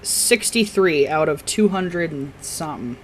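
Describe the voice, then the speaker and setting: A woman's voice: sits low, expressive, a little slow, a little hiss or hum. A woman co-hosting a podcast in casual chat, blunt and swearing freely. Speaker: podcast co-host.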